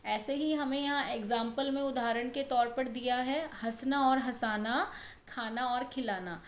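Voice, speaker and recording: A woman's voice: on the high side, unhurried, reverberant. A woman teaching a primary school language lesson to children, patient and careful, going through words one at a time. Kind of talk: slow explained lesson for children.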